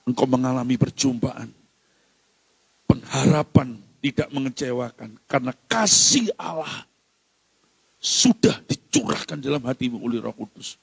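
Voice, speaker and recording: A man preaching a sermon, swinging between hushed tones and shouts and breaking into sung phrases. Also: medium pitch, animated, measured pace, gravelly, long pauses, slightly rough, no room sound. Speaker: pastor.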